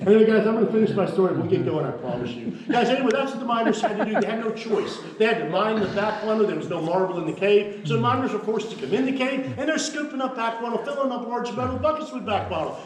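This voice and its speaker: Male cave tour guide: high, animated, folksy and jokey, recorded in heavy cave echo from a distance. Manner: folksy, jokey, keeps calling the group "folks" and "guys". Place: inside a large cave. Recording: cave echo, voice far from the mic, faint noise.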